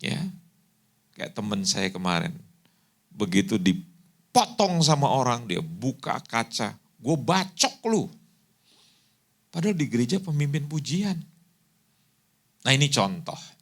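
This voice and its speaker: A male pastor preaching a sermon, telling lively stories and acting out the people in them. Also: medium pitch, measured pace, gravelly, long pauses. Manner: animated storytelling preacher, acts out quoted voices. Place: church hall.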